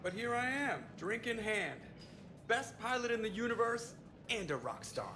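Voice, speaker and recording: A man's voice: high voice, very animated, normal speed. An actor playing a cocky male starship pilot who jokes sarcastically. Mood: joking. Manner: sarcastic, joking. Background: game music.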